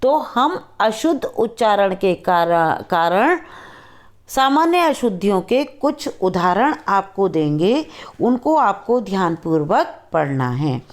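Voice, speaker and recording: A woman teaching a Hindi grammar lesson, saying words slowly and carefully and repeating them as pronunciation drills. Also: mid-range voice, sing-song.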